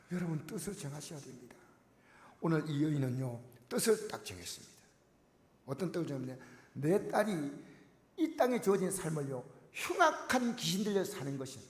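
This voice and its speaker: A man preaching a sermon to his congregation, emphatic and direct, swinging between loud exclamations and near-whispers. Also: on the high side, big pitch swings, moderate pace. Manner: addresses the congregation directly with repeated questions. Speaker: pastor. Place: church sanctuary. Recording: echoey church hall with long reverb.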